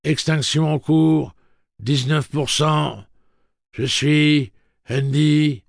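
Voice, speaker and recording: A man voicing a male messenger robot that is powering down, reciting its shutdown message in a clipped monotone. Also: fairly high pitch, extremely slow, vocal fry, dry recording, clean studio sound, pitched above the performer's own voice, heavily acted. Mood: mechanical. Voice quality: monotone, clipped machine delivery. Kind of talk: audiobook character voice.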